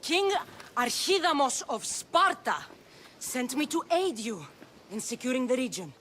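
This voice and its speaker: A woman's voice: high-pitched, sing-song, measured pace, fairly bright tone, slight background noise, heavily acted. Bold wry mercenary woman, game drama. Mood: firm, challenging. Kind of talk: video game dramatic dialogue.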